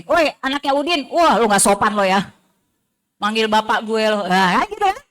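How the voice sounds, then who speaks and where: A woman, a psychologist giving a lively parenting seminar and quizzing the audience. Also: high-pitched. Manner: chatty, asks the audience questions. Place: seminar hall.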